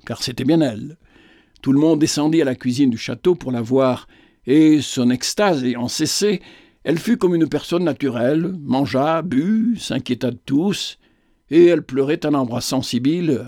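A man's voice: mid-range voice, expressive, normal speed, mellow, dry recording, studio quality. A man reading as an old schoolmaster who tells an eerie tale in a grave storytelling manner. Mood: somber.

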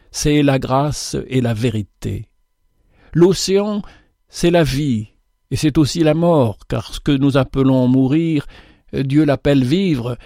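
A man reading a religious parable aloud in a measured, solemn way. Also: medium pitch, dark tone, no echo, studio quality. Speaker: reader.

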